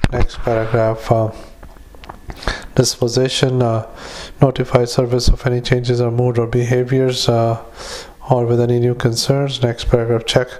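A doctor dictating notes into a dictaphone recording in a halting, flat manner, with many filler pauses, spelling words out and saying punctuation aloud. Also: male voice, mid-range voice, a little hiss or hum. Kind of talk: medical dictation.

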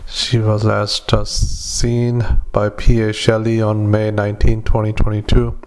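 A male doctor dictating medical notes into a dictaphone recording, halting with many fillers and self-corrections. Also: fairly low pitch, completely flat delivery, noisy background.

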